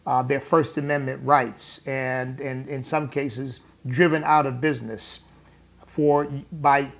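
This radio talk show host has a medium-pitched, fairly bright voice and addresses his audience as "folks" in an emphatic, repetitive style on his political program. The sound is lo-fi, and he is speaking from a hotel or venue while on tour.

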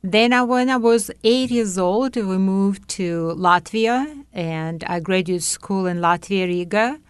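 An older woman from Uzbekistan, telling her faith story in an interview, slowly and carefully with hesitant pauses. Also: medium pitch, clean tone, no room sound. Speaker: interview guest. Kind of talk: personal testimony.

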